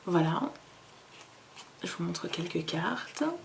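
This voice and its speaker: A woman giving a card-reading guidance in a calm, hesitant way, with many fillers, seated at a table with her cards. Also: on the low side, slow pace, creaky, noisy background. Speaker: tarot reader.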